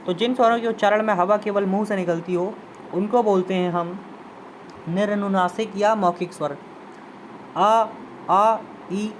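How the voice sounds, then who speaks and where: A man's voice: high-pitched, slight background noise, poor audio. A man teaching a Hindi grammar lesson, repeating terms and sounding out example vowels while inviting students to try them. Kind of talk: classroom lesson explanation.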